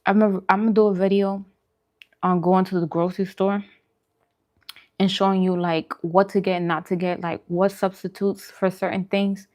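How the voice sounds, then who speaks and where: This woman runs a vegan mukbang livestream, chatting with viewers and giving emphatic, opinionated food advice, repeating herself for emphasis. Her delivery is flat, at normal speed, with a medium-pitched, darkish voice.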